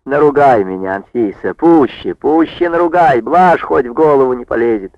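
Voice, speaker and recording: A man's voice: medium pitch, lively intonation, normal speed, no room sound, natural voice. A man voicing an anxious village woman who pleads and frets. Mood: imploring. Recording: dull dry lo-fi recording.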